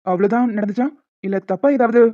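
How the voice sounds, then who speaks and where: A woman's voice: mid-range voice, quick pace, warm tone, dry recording, natural voice. A woman voicing a protective young man who questions firmly and reassures in a cartoon. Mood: reassuring. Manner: firm, questioning. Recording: dull lo-fi with music behind.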